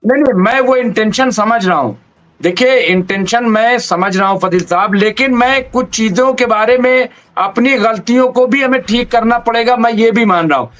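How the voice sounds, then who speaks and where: A man's voice: very high voice, normal speed, fairly bright tone, dull audio. A man in a heated political discussion, explaining his view earnestly and persistently. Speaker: debate panelist.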